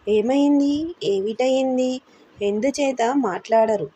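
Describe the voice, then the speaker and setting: A woman's voice: high voice, slow, dark tone, slightly rough, lo-fi sound, full character voice. A woman voicing a battered, terrified middle-aged man in delirium, speaking in broken, pleading fragments that repeat words. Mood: pained, confused.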